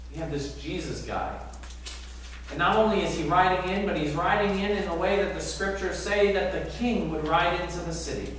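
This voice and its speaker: A middle-aged man preaching a sermon as pastor, animated, asking the congregation rhetorical questions. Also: sits high, slight background noise. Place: large church sanctuary, indoors. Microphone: far camera at back of church. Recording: very echoey sanctuary from far off.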